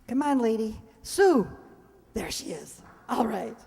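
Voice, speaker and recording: On stage in a hall before a live audience, a woman hosts a live show, speaking informally with ad-libbed asides. Her voice is a little high, creaky and warm, with lively intonation and a slow pace. The live stage recording carries hall reverb and a little hiss or hum.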